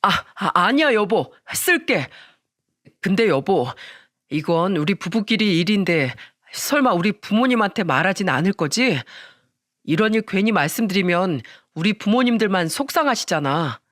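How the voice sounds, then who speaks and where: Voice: medium pitch, very animated, normal speed, fairly bright tone, no echo, studio quality. A narrator voicing a self-justifying young husband who argues with his wife and father. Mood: pleading. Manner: pleading then defiant.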